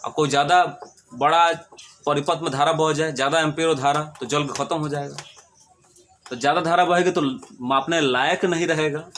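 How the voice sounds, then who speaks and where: A man's voice: a little high, fairly even intonation, a little fast, a bit bright, a little hiss or hum. A male physics teacher gives a classroom lecture. He asks questions and answers them himself, repeats his points and jokes with homely analogies.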